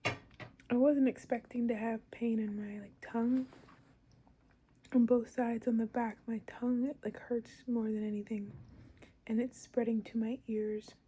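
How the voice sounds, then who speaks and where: A woman with a thick, muffled voice from a sore, swollen throat, often breathy and close to a whisper, talking haltingly and casually as in a personal video diary. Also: a little high, flat delivery, warm tone. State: sore swollen throat after tonsil surgery, effortful and tired. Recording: clear background noise.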